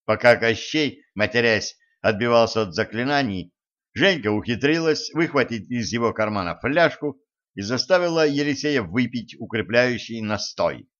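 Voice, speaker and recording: Male audiobook narrator, brisk lively storybook reading, dull lo-fi sound. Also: mid-range voice. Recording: dull lo-fi recording.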